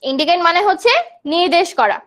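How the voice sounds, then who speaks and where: A woman's voice: very high voice, fast, fairly bright tone. A young woman from Bangladesh teaching a live online grammar class, explaining terms and answering students' chat questions.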